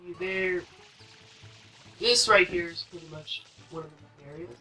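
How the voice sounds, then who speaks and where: A man hosts a let's play, giving loose, rambling, informal commentary while playing a video game over game music. His voice sits high and is pushed and bright at a measured pace. The audio quality is poor.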